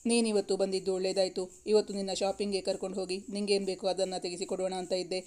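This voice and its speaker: A woman's voice: medium pitch, little pitch movement, fast talker, a little mellow, close to an everyday voice. A woman voicing a tender, reassuring young man in a read-aloud romance story, speaking evenly.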